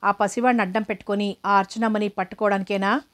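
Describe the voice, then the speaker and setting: A woman's voice: medium pitch, steady tone, quick pace, lightly acted. A woman reading the lines of a stubborn, defensive poor village man in a storybook reading.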